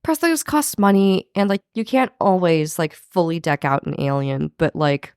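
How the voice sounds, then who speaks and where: A lowish-voiced woman with heavy, creaky vocal fry, chatting as a podcast co-host. Her delivery is informal and peppered with filler "like", recorded close and dry. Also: normal speed, darkish tone, no echo. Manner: informal, swearing, frequent "like". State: husky from recent covid. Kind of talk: casual recap chat.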